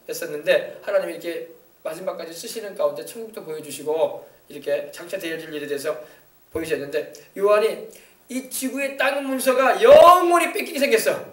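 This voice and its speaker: A male pastor preaching a sermon in an emphatic way, often checking that the congregation agrees. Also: high voice. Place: church sanctuary. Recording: echoey church hall, mic at a distance.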